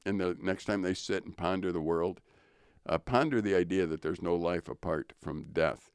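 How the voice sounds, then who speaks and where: Thoughtful and slow, with a hint of preachiness, an older man explores faith as co-host of an easygoing studio podcast. His voice is very low, deep and clean-toned, and the recording is close and dry with no reverberation.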